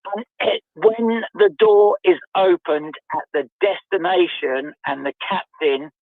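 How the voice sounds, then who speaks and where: A man's voice: high-pitched, measured pace, no echo. A man calling in to a radio phone-in, chatting and joking, his voice muffled as if he were at the bottom of a well. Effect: muffled phone line, as if down a well. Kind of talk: casual chat. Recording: tinny phone line.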